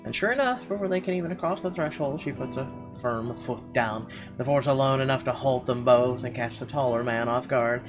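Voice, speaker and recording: Guitar game music runs beneath a man who reads a visual novel's text aloud with expression while casually commenting as a let's player. His voice is mid-range and his pace fairly quick.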